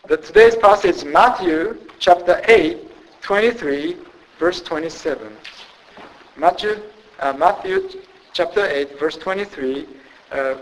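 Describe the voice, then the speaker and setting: A Japanese man with a Japanese accent, a missionary preaching a sermon in a church with halting, self-deprecating humor. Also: on the high side, fairly bright tone, rough recording.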